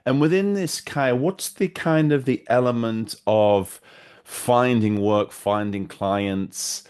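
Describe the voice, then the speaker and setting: A man's voice: medium pitch, takes it slowly, a little mellow, smooth. A man hosting an interview podcast, asking long, rambling questions that stall on repeated words. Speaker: podcast host.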